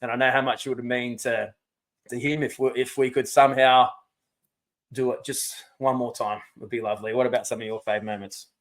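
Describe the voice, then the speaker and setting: Dad in his forties, podcast co-host, middling pitch, heartfelt storyteller. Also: level tone, fairly quick, fairly bright tone. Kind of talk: casual podcast chat, storytelling.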